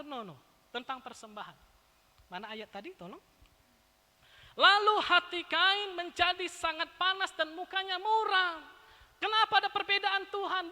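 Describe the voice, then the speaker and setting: Woman preacher, high bright voice, emphatic and playful, reverberant church. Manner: emphatic, rhetorical questions, playful asides to congregation. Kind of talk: sermon. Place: church sanctuary. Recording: long church-hall reverb.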